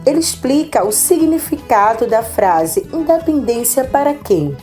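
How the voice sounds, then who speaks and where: A woman with a Pernambuco Brazilian accent hosts a podcast, reading her script in a steady way. Her tone is mellow and even, with faint music beneath. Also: high-pitched, measured pace. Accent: Pernambuco Brazilian Portuguese. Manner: steady, read-aloud delivery. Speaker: podcast host.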